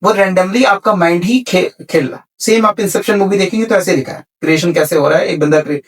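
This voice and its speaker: A man's voice: sits high, a little fast, far from the mic. A man on a podcast explaining spiritual ideas in a conversation, repeating key words and mixing in English terms. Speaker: spiritual speaker.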